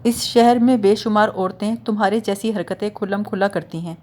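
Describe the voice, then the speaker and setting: A woman voicing a clever young male detective who plays the fool, questioning calmly with a teasing edge. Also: medium pitch, lightly acted. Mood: probing.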